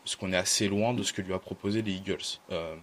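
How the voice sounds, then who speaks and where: A man's voice: low-pitched, fairly even intonation, fast, fairly bright tone. A man talking casually on a podcast, thoughtful and hesitant, with many fillers and restarts. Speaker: podcast guest, team fan.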